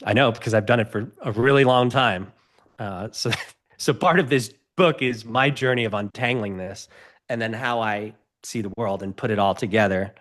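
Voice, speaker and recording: A man's voice: on the low side, normal speed, fairly bright tone. A middle-aged man, a guest on a podcast, talking earnestly and expansively in a casual interview. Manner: earnest, expansive, gestures while explaining.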